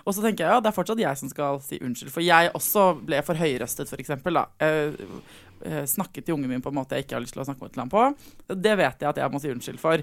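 A woman hosting the conversation, candidly telling stories about parenting her son. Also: sits low. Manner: candid, animated storyteller, laughs often. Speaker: podcast host and parent. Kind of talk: casual chat, personal anecdotes.

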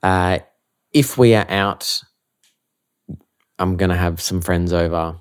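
Deep-voiced, easygoing Australian man. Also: slow pace, clean tone. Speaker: musician being interviewed. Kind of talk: casual chat.

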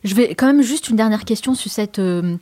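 A woman's voice: medium pitch, animated, moderate pace, warm tone, no echo. A woman hosting an interview, asking enthusiastic, leading questions. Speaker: interviewer, host.

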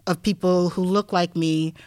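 A woman guest scholar who grew up in Denmark, talking through her ideas in a relaxed podcast interview, thinking aloud with many "like"s and "um"s and the odd wry laugh. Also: fairly low pitch, normal speed, clean tone, no echo. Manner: reflective, thinks aloud with frequent "like" and "um"; laughs easily, wry asides.

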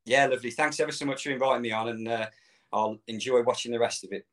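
A man's voice: medium pitch, steady tone, quick pace, fairly bright tone. A middle-aged man chatting as a guest on a fan show, rambling and easygoing, often laughing. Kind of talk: casual chat.

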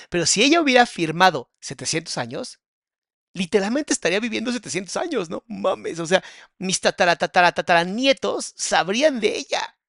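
A man's voice: sits high, gravelly, fairly bright tone, dry recording, studio quality. A man with a Mexican accent, giving mocking, crude, sarcastic reaction commentary as a psychologist.

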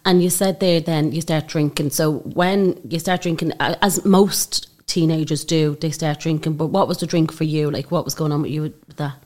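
A woman's voice: low voice, fairly even intonation, normal speed, few pauses, darkish tone. A woman with an Irish accent, hosting a casual interview in an informal, probing way. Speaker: host, interviewer.

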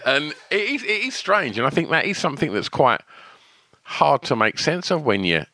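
A man hosting a conversational interview, telling a personal story in an animated way and laughing as he talks. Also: fairly high pitch, normal speed, dry recording. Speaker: podcast host.

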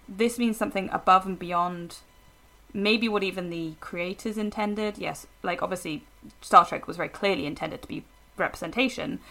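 A woman co-hosts a podcast with a gravelly, fry-edged voice. She talks in loose, animated chat that rambles and restarts as she thinks aloud. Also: medium pitch. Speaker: podcast co-host. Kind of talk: casual chat.

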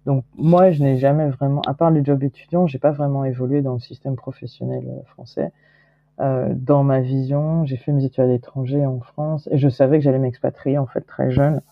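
A woman's voice: a bass voice, steady tone, moderate pace, no echo. A woman in her forties from Guadeloupe, a podcast guest talking in a hesitant way, with many fillers and restarts. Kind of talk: casual interview chat. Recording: dull lo-fi dry sound.

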